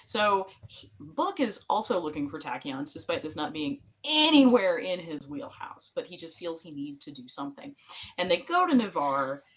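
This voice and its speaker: A woman's voice: sits low, big pitch swings, moderate pace, crowd noise, rough recording. A woman co-hosting a podcast, recapping an episode in a chatty, meandering way with frequent laughs. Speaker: podcast co-host. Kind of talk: casual chat recapping a TV episode.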